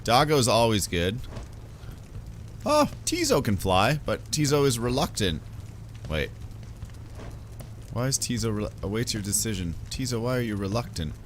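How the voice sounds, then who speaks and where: A man's voice: mid-range voice, very animated, moderate pace, long pauses, a little hiss or hum. Male streamer, casual let's-play chat, light-hearted and rambling. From Canada. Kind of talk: casual let's-play commentary and reading aloud.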